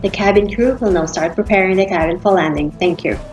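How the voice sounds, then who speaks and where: Female flight attendant announcer, Filipino accent, courteous scripted read, average pitch, echoing room with background music. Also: fairly quick, darkish tone. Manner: formal, polite scripted flight attendant delivery. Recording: roomy echo, background music. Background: faint to clear music.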